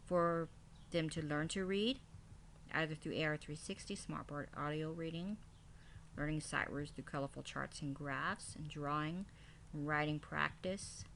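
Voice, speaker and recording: A woman speaking as a kindergarten teacher, reading out a lesson plan in a halting, item-by-item way. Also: low voice, steady tone, creaky, a bit bright, a little hiss or hum.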